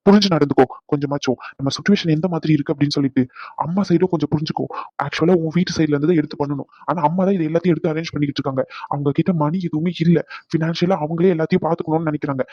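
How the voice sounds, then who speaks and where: A man's voice: fairly high pitch, very fast, no echo, close to an everyday voice. A man voicing an irritated young husband in a cartoon, exasperated and pleading by turns, on a dull lo-fi recording. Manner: exasperated, pleading then snapping.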